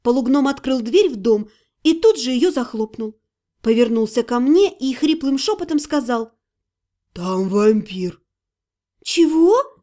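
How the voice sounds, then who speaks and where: A woman narrating a first-person fantasy audiobook in an expressive storytelling manner. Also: high-pitched, normal speed. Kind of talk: scripted narration.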